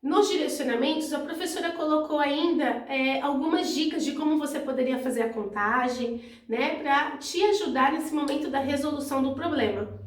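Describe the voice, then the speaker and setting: High-pitched Brazilian woman teacher. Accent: Brazilian Portuguese. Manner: slow, clear, didactic, spelling out syllables. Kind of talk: reading and explaining a school workbook.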